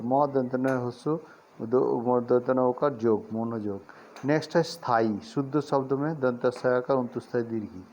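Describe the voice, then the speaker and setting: A man's voice: medium pitch, darkish tone, highs cut off. Man spelling words letter by letter. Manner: spells out each word letter by letter, then repeats it. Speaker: teacher. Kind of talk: spelling lesson read from a list.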